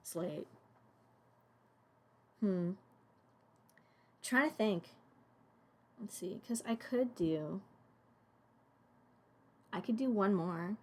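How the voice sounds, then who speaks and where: Animating a puppet on a live stream, a young woman chats casually and rambles, talking to both herself and her chat and muttering as she goes. Her mid-range voice is animated but very slow, with long pauses.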